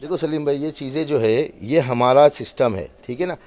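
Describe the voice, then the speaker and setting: A mosque representative demonstrates loudspeaker equipment, explaining in an emphatic, repetitive, instructive way. His voice is medium-pitched and slightly mellow, and he talks a little fast.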